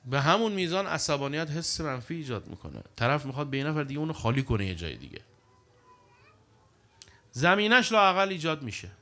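A middle-aged man preaching a sermon in an animated, emphatic way, reciting scripture passages between his own explanations. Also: mid-range voice, few pauses.

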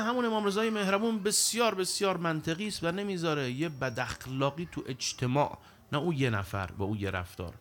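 Animated, emphatic male preacher. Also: a little high. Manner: animated, emphatic, recites Arabic scripture. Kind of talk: sermon.

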